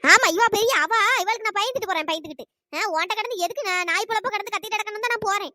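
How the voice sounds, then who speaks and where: A woman's voice: very high-pitched, rapid-fire, sharp tone, no echo, clean studio sound. A woman voicing a sly, meddling village woman who stirs up quarrels in a cartoon. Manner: scolding, sly and gossipy. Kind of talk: cartoon voice acting.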